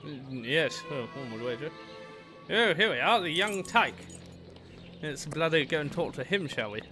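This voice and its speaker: A man's voice: fairly high pitch, animated, normal speed, sharp tone, soft background music. A man with a British accent giving casual, exclamatory gameplay commentary with mock-outraged asides. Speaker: game streamer.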